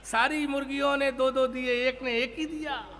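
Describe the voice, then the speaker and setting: On stage at a live poetry gathering, a comic poet recites funny verse, chanting sing-song refrains and tossing joking asides to the audience. His very high voice is bright and forceful, steady in tone, at a normal speed, and the hall sounds echoey.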